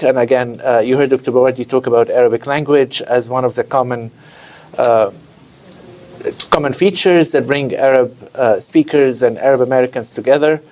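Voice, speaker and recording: A man's voice: medium pitch, brisk, darkish tone. A man from Egypt, a university center director, giving an informal talk to visiting students with frequent hesitations and restarts. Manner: hesitant, many fillers and restarts.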